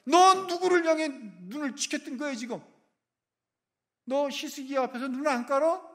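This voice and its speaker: A man voicing God as a stern figure who scolds a proud king in blunt, street-tough shouts. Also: very high-pitched, normal speed, voice pushed up. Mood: scolding, furious.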